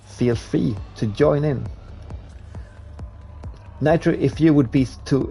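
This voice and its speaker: A Swedish man, speaking English as a second language, chats casually with viewers and reads their comments while racing on a live stream. His medium-pitched voice is gravelly and warm. He's talkative, laughs at himself, and reads the chat out loud.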